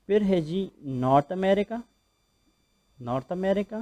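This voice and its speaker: A man's voice: high-pitched, expressive, mellow. A man with a Pakistani accent giving a recorded school lecture, patiently repeating points and checking that students follow. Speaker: school teacher.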